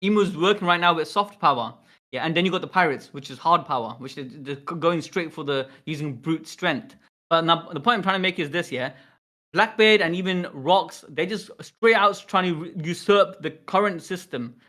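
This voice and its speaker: A man hosting a livestream, chatting casually and reading along, excitable, repeating himself and stumbling over words. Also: on the high side, moderate pace. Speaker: livestream host. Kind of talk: casual chat and manga read-along.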